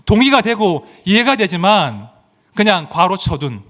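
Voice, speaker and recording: A middle-aged man preaching a sermon as pastor, emphatic and animated, swinging from loud exclamations to quiet asides and asking rhetorical questions. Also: high voice, unhurried. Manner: asks the congregation rhetorical questions.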